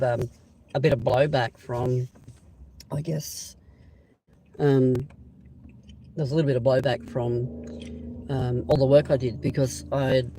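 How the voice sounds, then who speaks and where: Australian male host, casual live chat, mid-pitched, hesitant and rambling, outdoors trackside. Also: dark tone, a little hiss or hum, rough recording. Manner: rambling, hesitant, many pauses and restarts. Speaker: channel host. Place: outdoors beside a railway siding.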